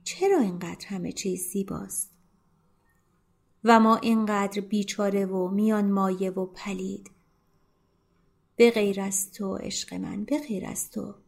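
A woman reading the part of a tender, melancholy teenage girl in love, in a soft, slightly raised voice. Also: fairly high pitch, fairly even intonation, close to an everyday voice. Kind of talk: audiobook character reading.

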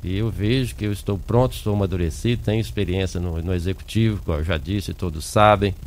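A male local politician speaks in a radio interview. His voice is fairly low, and he often checks in with short tag questions. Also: fast, darkish tone. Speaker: politician, city council president being interviewed. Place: radio studio.

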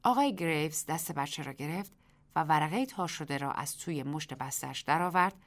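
A woman reading a short story aloud as the narrator of a radio program, measured and expressive. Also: low voice.

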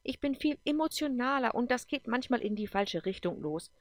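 An emotional young female leader who turns from sharp to apologetic , read by a woman. Her voice rises high when she is upset. The sound is close and dry. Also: animated, moderate pace, no echo, lightly acted. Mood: pleading. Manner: heated, then apologetic and pleading.

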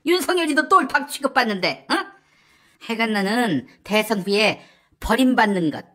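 A woman playing a sharp-tongued character who mocks and swears at an old political fixer in a satirical comedy sketch. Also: on the high side, expressive. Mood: scornful. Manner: scornful, swearing, rapid-fire nagging.

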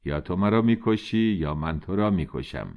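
A man voicing a young, strong prince who speaks calmly in formal old-fashioned speech. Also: low-pitched, voice pushed down. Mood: resolute. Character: young strong self-assured male prince.

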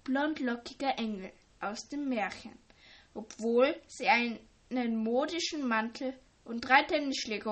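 A woman reading a children's book aloud, carefully, with small slips and restarts. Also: on the high side. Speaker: audiobook reader.

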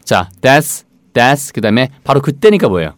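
A man teaching English in a lively way, explaining in Korean and acting out story lines in a high voice. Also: measured pace, no room sound. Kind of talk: bilingual English lesson.

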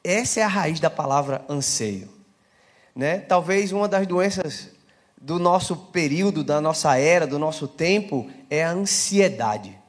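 A man's voice: a little high, lively intonation, unhurried. A male pastor giving a live church sermon, talking conversationally, asking the congregation questions and building to emphatic preaching. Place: church service.

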